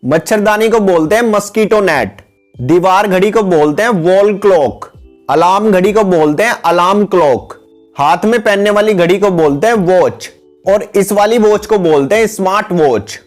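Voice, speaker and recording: A man teaching English words for household items in a steady, repetitive voice-over, calling his viewers guys. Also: sits high, normal speed, soft background music. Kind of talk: vocabulary lesson voice-over with pictures.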